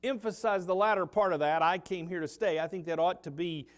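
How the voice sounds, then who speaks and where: A middle-aged man with a Southern US accent preaching a sermon as pastor, swinging from loud emphasis to quiet low asides. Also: brisk. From United States. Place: church sanctuary.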